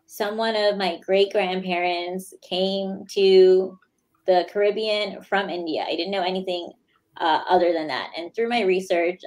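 A woman in her thirties with an American accent, speaking as a guest over a video call in a plain, steady way. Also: on the low side, low-quality recording. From United States. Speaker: guest, lawyer. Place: small indoor room. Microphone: video call webcam.

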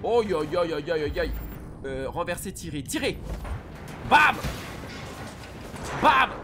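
A young man streaming a game, reacting excitedly and shouting at the action. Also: high-pitched, slow pace, music in the background. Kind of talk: live gameplay commentary.

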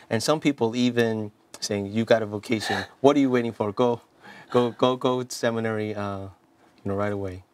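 A South Korean man in his thirties, a priest appearing as a guest, tells his life story in a studio interview. He speaks earnestly in a lowish voice, full of restarts and "you know" fillers, recorded on a lapel mic.

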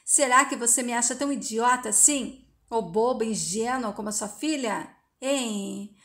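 A spoiled young woman, furious and defiant in a told-aloud soap story, as a woman narrator voices her. Her pitch runs a bit high and her accusations come out shrill. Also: normal speed, a bit bright.

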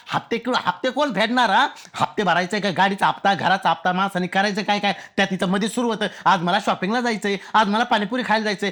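Bright, high-voiced young bachelor played by a man, exasperated and indignant, comic sketch. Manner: indignant ranting, exasperated complaints. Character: frustrated bachelor desperate to marry, ranting.

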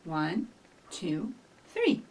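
Speaking slowly in a low, slightly mellow voice with huge pitch swings, a middle-aged woman presents storytime for young children. The children's librarian addresses them directly and encouragingly while reading aloud. She's recorded via a distant room microphone in a small office with shelves.

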